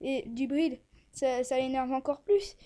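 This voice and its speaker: Woman storyteller, high voice, tale told aloud with pauses and fillers. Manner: lively, hesitant with fillers. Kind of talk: oral tale telling.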